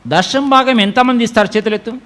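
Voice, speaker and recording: A man's voice: very high-pitched, fast, fairly bright tone. A man preaching a sermon to his congregation, exhorting them and repeatedly calling for them to answer aloud. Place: church.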